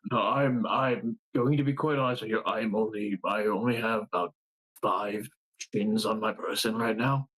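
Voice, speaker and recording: A man playing an earnest, cautious adventurer in a tabletop game, speaking formally and haltingly. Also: fairly low pitch, fairly even intonation, a bit bright, husky, low-quality recording.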